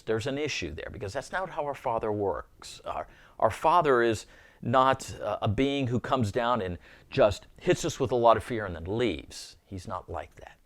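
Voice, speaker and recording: Lively low-voiced man teaching faith. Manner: earnest, repeats words while thinking aloud. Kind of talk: informal teaching to camera.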